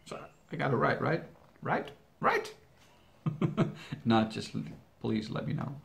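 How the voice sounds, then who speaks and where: This young Dutch man from the Netherlands, a native Dutch speaker, runs a YouTube reaction channel and answers viewer questions in English, slowly. His medium-pitched voice is gravelly with a fairly bright tone, and his pitch swoops wildly. He rambles and cracks jokes, hesitating with frequent fillers and restarts.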